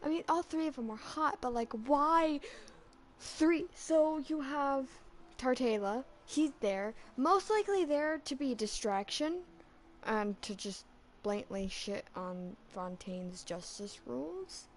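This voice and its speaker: A woman chatting casually as a fan vlogger, rambling and excitable with lots of restarts, her voice cracking slightly from being sick. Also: sits high, unhurried. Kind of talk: casual chat.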